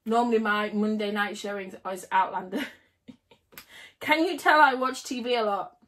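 A woman's voice: mid-range voice, moderate pace, a bit bright. A woman livestreaming casually, chatting and giggling with viewers while she builds. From United Kingdom.

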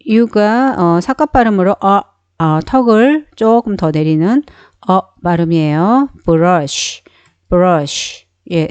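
A woman's voice: medium pitch, darkish tone, smooth, dry recording. A woman teaching a beginner phonics lesson, explaining each sound step by step and repeating every word several times. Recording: dull, dry sound.

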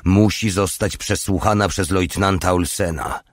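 Man playing a stern old soldier, very low voice, slow, curt, scolding. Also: fairly even intonation, no echo, studio quality. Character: stern older male soldier, gruff and commanding.

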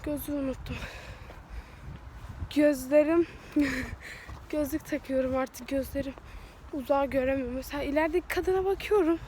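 A woman's voice: sits high, steady tone, normal speed, pauses often, warm tone, slight background noise. A young woman with a cold, congested and sore-throated, chatting casually as she walks outdoors and films herself on a phone at arm's length. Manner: rambling, chatty, self-mocking. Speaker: vlogger. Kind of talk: casual walking vlog. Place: outdoors on town streets. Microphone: phone held at arm's length.

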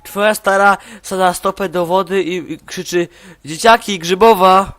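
A man's voice: high voice, flat delivery, normal speed, a crowd in the background. A teenage boy hosting a casual Minecraft let's play, bossy and crude, trading teasing jokes. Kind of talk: casual gaming banter.

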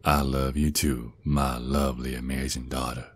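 Here the werewolf father comes across flat in delivery, recorded without echo, his voice still extremely deep, close, and dry. Loving and doting, this protective Southern character keeps a slow, folksy drawl full of pet names, gruff like an army sergeant with a soft spot for his kid.

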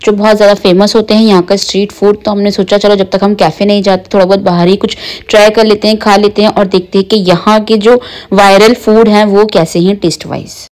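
A young woman talks through her outing in a relaxed, chatty voice-over. She describes the places and food in an easy, conversational way, as a vlogger speaking to her viewers. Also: mid-range voice, a little fast. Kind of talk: travel and food vlog voice-over.

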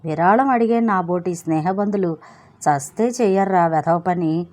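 A woman voicing Chitti, a cheeky, smooth-talking young man with a theatrical, playful way of speaking. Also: fairly low pitch, moderate pace, darkish tone, lightly acted.

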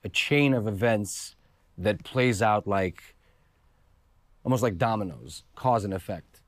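An actor playing a solemn believer in the supernatural, speaking deliberately and cryptically as a mock documentary interview guest. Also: male voice, fairly low pitch. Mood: solemn, cryptic.

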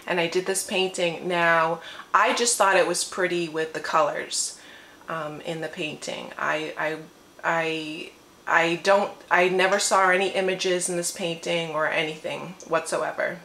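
Using her morning voice, a woman vlogs from her living room, giving a long-winded, rambling personal testimony to camera. Her voice is fairly low, bright and forceful, with fairly even intonation and a slightly slow pace. The room adds echo and faint ambience, with slight background noise.

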